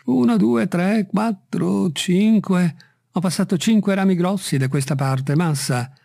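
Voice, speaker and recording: A man doing a fearful old servant, high-pitched. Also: measured pace, vocal fry, dark tone, full character voice. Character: old male servant, simple and fearful, climbing a tree. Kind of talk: audiobook reading.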